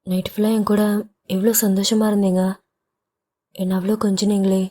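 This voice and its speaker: A woman's voice: medium pitch, level tone, a little fast, warm tone, lightly acted. A woman voicing a young pregnant wife who is playful, coaxing and caring, in a read audio novel. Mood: teasing.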